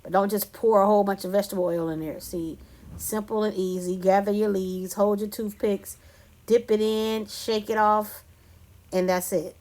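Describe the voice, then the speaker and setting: A woman's voice: medium pitch, steady tone, normal speed, a little mellow. Chatty woman walking through a cooking demo. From California. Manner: chatty, loose, addresses viewers as y'all and you guys. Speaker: cooking vlogger. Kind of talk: casual cooking tutorial.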